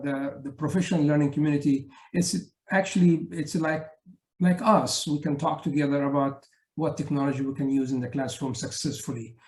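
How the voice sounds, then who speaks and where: A man's voice: a little high, dark tone, echoey room, low-quality recording. A middle-aged man from Egypt, giving a conference presentation on teaching, hesitant with many fillers. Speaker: education researcher presenting his book chapter.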